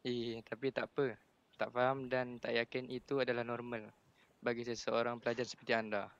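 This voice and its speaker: A man's voice: mid-range voice, little pitch movement, a little fast. A man with a Malaysian accent reads a passage aloud for his teacher. He comes through a video call, and the sound is dull and lo-fi. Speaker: student. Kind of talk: reading aloud in class. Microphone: video call mic.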